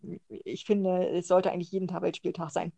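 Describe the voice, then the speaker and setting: A woman's voice: lowish voice, little pitch movement, a little fast, vocal fry, mellow. A woman from the northern German coast co-hosting a podcast, chatty and full of hesitant fillers. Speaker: podcast co-host. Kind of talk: casual podcast discussion.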